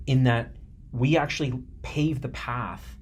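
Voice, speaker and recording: A man's voice: medium pitch, steady tone, measured pace, a little hiss or hum. Chatty enthusiastic man hosting a podcast. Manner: enthusiastic, chatty, lots of "like" and restarts. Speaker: podcast host, teacher. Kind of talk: casual interview chat.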